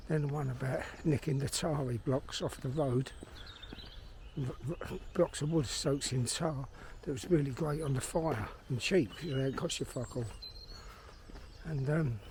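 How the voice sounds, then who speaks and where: Among birdsong and outdoor ambience, a middle-aged London man who works as a vlogger and filmmaker rambles bluntly to himself in a sweary, casual monologue on a park walk. His medium-pitched voice is a little mellow and a little slow.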